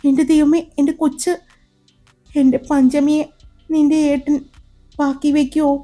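A woman's voice: high-pitched, flat delivery, measured pace, warm tone, faint music behind, pitched above the performer's own voice. A woman voicing a fussing, motherly older woman in a storybook, speaking in a fretful, questioning way. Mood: worried.

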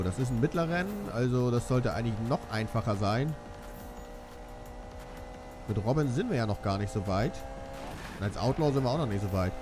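A young man giving joking, self-mocking commentary while playing a racing game. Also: mid-range voice. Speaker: let's play commentator. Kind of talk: casual gameplay commentary. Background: game music and car sounds.

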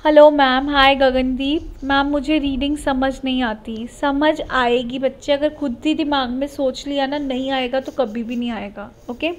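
A woman's voice: high-pitched, fairly even intonation, unhurried, hardly any pauses. A woman IELTS teacher with a slight Punjabi accent runs a live online class, mixing Hindi and English and reassuring her students. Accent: Punjabi-tinged Indian English. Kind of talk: live online class, reading viewer comments.

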